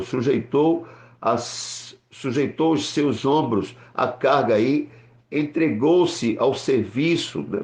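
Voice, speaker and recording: Slow-talking rabbi in a roomy echo. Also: male voice, mid-range voice. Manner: slow, explaining with frequent "né?" and spelled-out letters. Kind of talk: scripture teaching.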